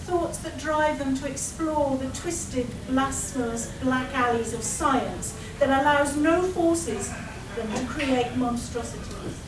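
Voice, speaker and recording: A woman's voice: high voice, takes it slowly, far from the mic. A woman playing a seductive, unstable half-weasel villainess in a melodramatic comic radio play, recorded live. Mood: lonely, brooding. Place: live performance at a convention, distant mic. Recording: echoey, noisy live hall recording from afar.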